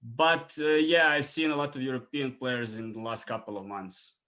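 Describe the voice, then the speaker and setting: A man from Croatia, speaking English as a second language, chatting casually as a podcast guest with lots of fillers and soft trailing endings. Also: mid-range voice, normal speed. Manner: relaxed, many fillers, trailing off quietly. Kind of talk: casual interview chat.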